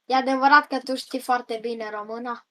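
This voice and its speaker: A woman's voice: a little high, fairly even intonation, a bit bright. A woman from Romania, a native Romanian speaker, chatting casually in a teasing, exclamatory way during a game. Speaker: video co-host. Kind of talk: casual gaming chat. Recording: noisy home microphone, clicks.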